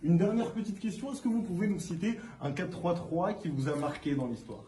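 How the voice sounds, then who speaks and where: Man, polite radio interviewer, slightly high pitch, very mellow tone, formal questions. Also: animated, fairly quick. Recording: roomy, distant mic, faint background noise.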